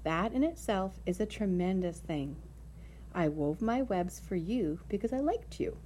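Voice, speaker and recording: A woman voicing a wise, motherly female spider in a storybook, measured, articulate and gently firm. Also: medium pitch, animated, a little hiss or hum, natural voice. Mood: reflective. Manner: measured, articulate, matter-of-fact.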